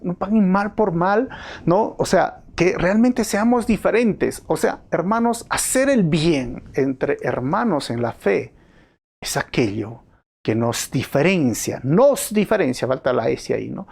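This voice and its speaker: A man with a Peruvian Spanish accent preaching a sermon as pastor, earnest and swinging between hushed and emphatic lines. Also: medium pitch, gravelly, breathy edge.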